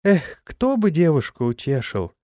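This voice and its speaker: A man's voice: on the high side, very animated, a little slow, mellow, dry recording, studio quality. A man reading the part of a jealous, haughty teenage-girl neural-network spirit who sounds sulky.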